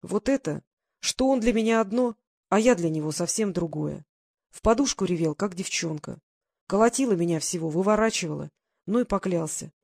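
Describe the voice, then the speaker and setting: A woman's voice: on the low side, animated, normal speed, gravelly, a little mellow, no room sound, clean studio sound. Woman voicing a weary aging ex-convict man. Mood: bitter.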